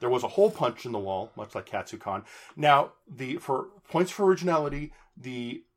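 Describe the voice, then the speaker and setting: A man's voice: medium pitch, animated, normal speed. A man chatting casually on a podcast, telling a story in a rambling way with many restarts and amused asides.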